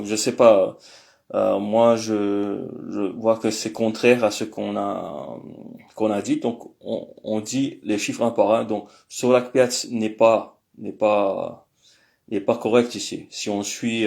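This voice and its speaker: A man's voice: on the low side, steady tone, slow, creaky, a little mellow. A man giving a casual spoken language lesson, hesitant and thinking aloud with many fillers. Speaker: language teacher.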